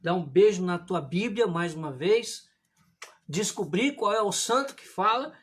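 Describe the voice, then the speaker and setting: A man preaching a livestreamed sermon indoors, reading scripture aloud in a measured way and calling his listeners brothers. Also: sits high, lively intonation, husky. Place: indoor room at home, religious images behind him. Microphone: livestream camera.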